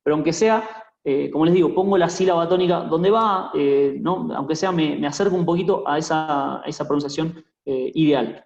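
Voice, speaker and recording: Guy lecturing coaches, fairly high voice, lots of ehs and restarts, roomy echo, kinda dull lo-fi sound. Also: normal speed, creaky, few pauses, darkish tone. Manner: hesitant, many fillers and restarts, checks in with "¿no?". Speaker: basketball coaching clinic instructor. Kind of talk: online lecture with screen sharing.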